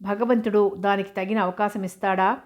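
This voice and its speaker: A woman reads a novel aloud with steady, unhurried storytelling. Her voice is very even and flat, with little rise and fall. The pitch sits in a middle range for a woman. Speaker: narrator.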